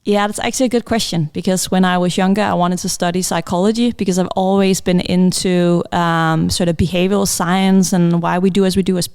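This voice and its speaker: Thirtysomething woman on a podcast panel, smooth voice, kinda hesitant and chatty. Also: lowish voice, fairly even intonation, brisk, few pauses, darkish tone. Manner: thoughtful, many fillers and restarts. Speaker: panel guest, brand strategist. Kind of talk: conversational podcast answer.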